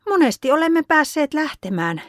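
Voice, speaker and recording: Woman doing a soft caring mom voice, gentle and patient, a bit higher than her usual. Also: sing-song, no room sound, clean studio sound. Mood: soothing.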